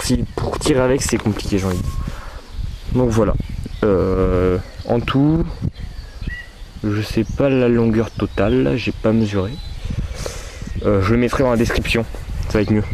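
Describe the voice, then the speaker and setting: A man casually showing his archery gear to his camcorder at home, hesitating often with fillers. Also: lowish voice. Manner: hesitant, many fillers, talks to camera. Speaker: archery vlogger. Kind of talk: casual equipment demo. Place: outdoors at home. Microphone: camcorder mic. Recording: camcorder recording with background noise.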